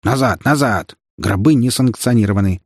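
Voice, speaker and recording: A man's voice: on the low side, normal speed, husky, dry recording, studio quality. A man voicing a stern police officer who barks curt orders at a crowd. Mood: commanding.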